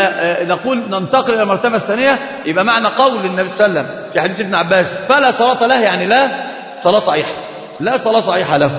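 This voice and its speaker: A man with an Egyptian Arabic accent teaches an Islamic lesson. He asks his audience questions, answers them himself, and often repeats words as he restarts. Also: high-pitched. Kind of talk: recorded religious lecture. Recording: echoey hall, dull lo-fi sound.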